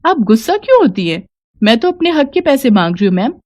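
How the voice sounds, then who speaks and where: Woman plays a desperate poor widow in a cartoon story, high-pitched and rushed. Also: sing-song. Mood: pleading. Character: poor grieving widow, pleading and tearful.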